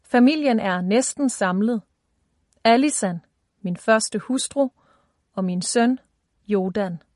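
A woman reading a storybook voicing a smug, commanding male demon king who gloats loudly. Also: fairly high pitch, dry recording, clean studio sound, lightly acted. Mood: gloating.

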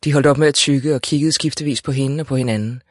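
A man narrating a first-person storybook in a lively, wry way. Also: mid-range voice, no echo, studio quality. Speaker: audiobook narrator.

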